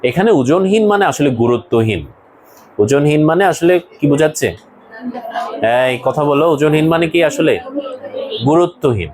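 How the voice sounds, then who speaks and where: A man's voice: a little high, expressive, normal speed, darkish tone, a little hiss or hum, rough recording. A man teaching an English lesson to a class, explaining words one by one and asking students questions.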